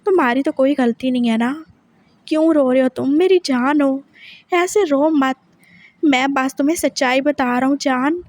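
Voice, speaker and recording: A woman's voice: sits high, normal speed, darkish tone, no room sound, close to an everyday voice. Woman voicing an intense, pressing husband. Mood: tender, remorseful. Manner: pressing, repeats questions. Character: intense possessive young husband, man. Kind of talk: dramatic story reading.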